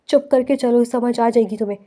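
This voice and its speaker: A woman's voice: a little high, fairly even intonation, close to an everyday voice. A woman reading the lines of a stern, commanding older man in an audiobook novel, barking orders at his brother. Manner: commanding, shouts when angry.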